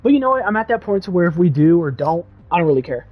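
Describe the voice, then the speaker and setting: A young man streaming casually, reading chat and rambling excitably with lots of "dude" and "bro". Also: high-pitched, fast talker, muffled recording.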